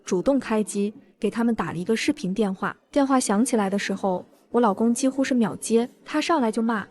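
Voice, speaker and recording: A woman's voice: a little high, brisk, a little mellow. A woman narrating a first-person revenge story in a cool, smug way.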